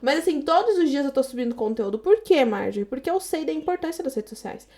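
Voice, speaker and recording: A fast-talking Brazilian woman in her thirties with a high-pitched, warm voice tells her story as a podcast guest. She's casual and animated, dramatizing the dialogue she quotes, and speaks with a Brazilian Portuguese accent.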